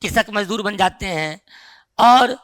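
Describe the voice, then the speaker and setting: एक पुरुष शिक्षक कक्षा में पाठ्यक्रम समझाते हुए, बीच-बीच में छात्रों से सवाल पूछता है।. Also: male voice, high-pitched, slow, a bit bright. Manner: explains with rhetorical questions to the class. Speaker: teacher. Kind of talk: classroom lecture on the syllabus.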